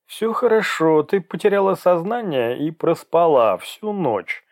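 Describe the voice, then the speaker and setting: A man doing a calm, soothing woman doctor. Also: on the high side, a little slow, no room sound, clean studio sound, voice pushed up. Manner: soothing, reassuring. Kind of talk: audiobook character reading.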